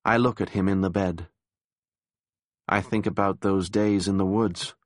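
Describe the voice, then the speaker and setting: A man narrating an audiobook in a measured, somber manner. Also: sits low, steady tone, no room sound, studio quality. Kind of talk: scripted narration.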